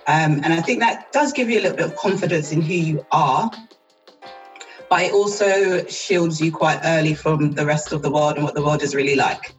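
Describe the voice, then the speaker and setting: A woman, a guest on an interview podcast. She talks in a relaxed, chatty and thoughtful way and laughs often. Faint music runs underneath her voice. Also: sits low, normal speed, poor audio. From South East London, England. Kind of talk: casual interview chat.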